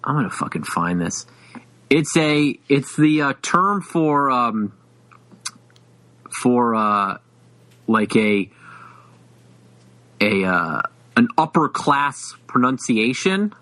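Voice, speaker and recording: A man's voice: mid-range voice, very animated, pushed and bright, low-quality recording. A man co-hosting a podcast, chatting casually with lots of fillers and restarts. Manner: halting, many fillers and restarts, laughs often. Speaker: podcast co-host. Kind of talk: casual chat.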